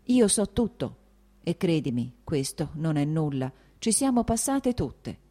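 A woman voicing a caring older married sister who speaks in an earnest, soothing and measured way. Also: low voice, big pitch swings, dark tone, exaggerated voice.

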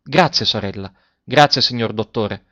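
A man voicing a gentle, worn-out peasant boy who speaks softly and plainly, read in a storybook. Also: mid-range voice, moderate pace, no echo, natural voice. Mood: grieving. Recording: dry, dull lo-fi recording.

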